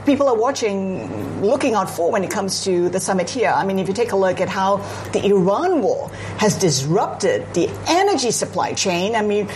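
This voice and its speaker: Woman analyst from Singapore, measured. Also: medium pitch, big pitch swings, a little mellow, slight background noise. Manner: measured, frequent "I mean" asides. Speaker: news analyst. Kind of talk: news panel discussion.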